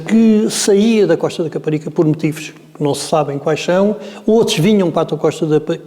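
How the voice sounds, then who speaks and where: A Portuguese man in his seventies with a Lisbon-area accent recalls his family's past at an unhurried, rambling pace, pausing often on filler sounds. His voice sits slightly high yet warm and dark. The room around him lingers with a long reverb tail. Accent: European Portuguese, Lisbon area. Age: 70s. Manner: meandering, hesitant with frequent filler sounds. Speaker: interviewee. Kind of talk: oral history storytelling.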